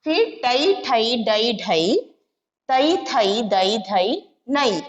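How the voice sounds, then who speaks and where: A woman's voice: on the high side, very animated, very slow. A woman teaching a Hindi lesson to young children, patiently sounding out syllables one by one. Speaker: primary school Hindi teacher. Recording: dull lo-fi recording with long hall reverb.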